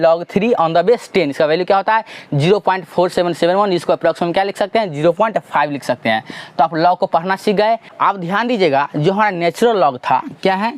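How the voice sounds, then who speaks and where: A man with a Bihari Hindi accent teaching a math lesson, asking and answering his own questions and drawing out each formula slowly. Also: sits high, dry recording.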